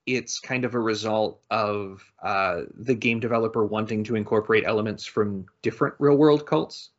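A man's voice: fairly low pitch, moderate pace. A man co-hosting a casual podcast discussion, thoughtful and hesitant, often restarting his sentences. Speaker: podcast co-host. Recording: dull lo-fi audio.

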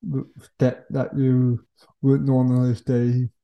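A man hosting a casual podcast interview in halting, fragmented phrases. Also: medium pitch, completely flat delivery, dull audio. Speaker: podcast host.

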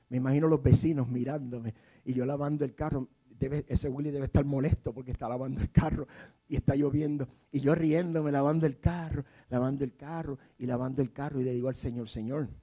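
A man in his fifties preaching a sermon as a storyteller. He often drops to a soft, hushed voice and has the congregation repeat words after him. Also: mid-range voice. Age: 50s.

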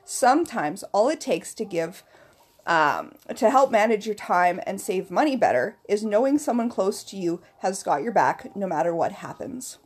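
A woman's voice: mid-range voice, expressive, moderate pace, husky. A woman presenting scripted advice in a vlog, with an upbeat, tidy delivery. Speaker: vlogger giving business tips.

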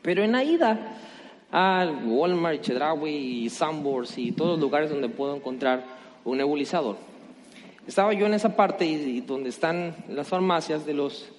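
A young man with a sore throat, preaching a sermon as pastor, moving between loud exhortation and quiet storytelling. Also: on the high side. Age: young adult. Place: church hall. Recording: reverberant hall with faint noise.

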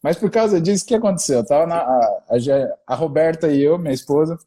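Middle-aged man, doctor as guest, lively slangy storyteller, husky edge. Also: on the high side, quick pace. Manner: animated, slangy, acts out quoted dialogue. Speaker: doctor with patients. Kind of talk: casual storytelling in a podcast interview.

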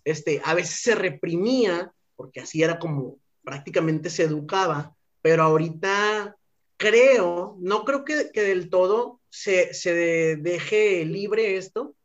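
A man, a teacher hosting a podcast, speaking reflectively and haltingly with restarts. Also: high-pitched. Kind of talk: casual conversation. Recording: dull lo-fi audio.

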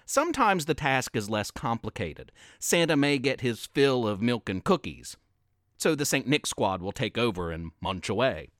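Very expressive male storybook narrator. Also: medium pitch, moderate pace, no echo, studio quality. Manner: very expressive, sing-song reading.

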